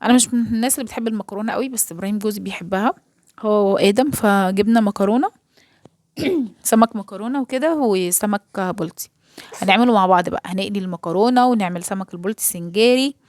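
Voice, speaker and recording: A woman's voice: mid-range voice, fast, a little mellow, no room sound, studio quality. A young woman with an Egyptian accent, chatting casually with viewers over cooking footage in a rambling, talkative way. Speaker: home cooking vlogger.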